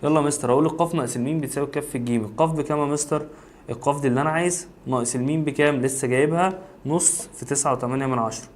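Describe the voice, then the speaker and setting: A man's voice: a little high, racing, a little hiss or hum. A man with an Egyptian accent teaching a physics review lesson, reasoning aloud step by step and addressing the student directly. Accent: Egyptian Arabic.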